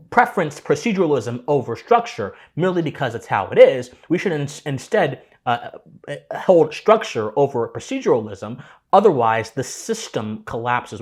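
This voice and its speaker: A man's voice: mid-range voice, slightly rough. A man delivering solo political commentary in an impassioned, lecturing way, often restarting his sentences.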